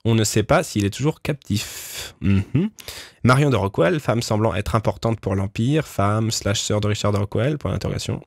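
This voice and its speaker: Animated French-speaking man, dry close sound. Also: lowish voice, normal speed, vocal fry, no room sound. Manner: animated, swears often, exclaims loudly in disbelief; explanatory, with many filler hesitations. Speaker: creator of a fantasy universe reacting to fan theories. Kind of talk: casual livestream reading and commentary.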